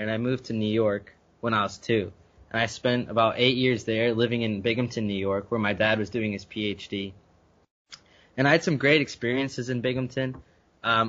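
This young adult from Guyana is a university student appearing as a podcast guest, giving conversational interview answers at a middle pitch with a fairly bright tone. He speaks earnestly, often repeating a word while gathering his thoughts, and the recording sounds slightly dull and lo-fi.

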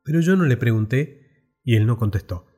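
A man narrating a story aloud in a measured, expressive reading. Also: medium pitch, faint music behind.

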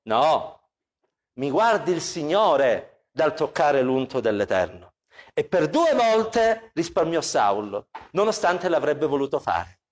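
A man preaching an evening sermon as pastor, with expressive delivery that repeats questions for emphasis. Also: fairly high pitch.

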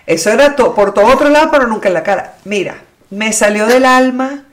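A Venezuelan woman with a fairly high voice co-hosts a podcast in a relaxed, chatty way. She tells her stories expressively and punctuates them with spoken sound effects. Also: fairly quick. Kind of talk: casual chat, storytelling.

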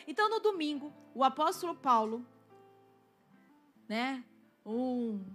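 Woman pastor, high voice, storytelling sermon, soft music bed. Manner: storytelling, asks the congregation to respond. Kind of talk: sermon with personal testimony.

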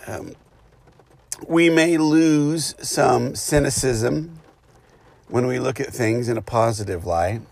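A man giving an informal, reflective spiritual talk in a halting, unscripted way, recorded inside a car with rain hitting it. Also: medium pitch, creaky, darkish tone. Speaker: spiritual teacher.

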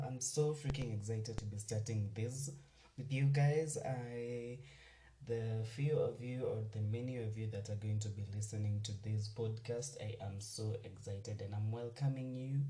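A man, hosting a casual solo podcast, chatty and rambling as he talks warmly to his listeners. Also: medium pitch, slight background noise. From Kenya. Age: 20s. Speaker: podcast host. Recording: roomy, distant mic, faint music.

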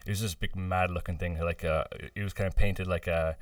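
Podcast guest from the Boston area, low smooth voice, easygoing rambling storyteller, slightly distant mic. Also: male voice, a little fast, no room sound. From United States, near Boston. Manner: relaxed storytelling with many fillers and laughs. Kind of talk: casual interview chat.

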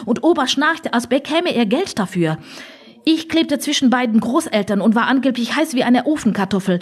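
A woman narrates an audiobook with a somewhat high, husky voice. Her reading is expressive and wry, and she leans into the dry humor of the text.

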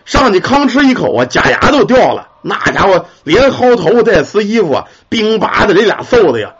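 A male storyteller tells a ghost story in a husky voice that swings widely. He talks in an earthy way and swears freely. The recording sounds dull and lo-fi. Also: high voice, big pitch swings, brisk. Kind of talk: colloquial ghost story narration.

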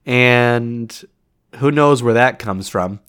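A man's voice: medium pitch, takes it slowly, fairly bright tone, smooth. A man co-hosting a casual gaming podcast, sick with a nasal, sniffly voice and a jokey, upbeat way of talking. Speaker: podcast co-host.

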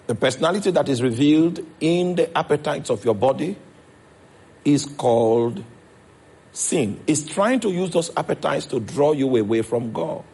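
Husky Nigerian preacher. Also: male voice, on the high side, expressive, normal speed, mellow. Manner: preaching, checks in with the congregation. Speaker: pastor. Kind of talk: sermon.

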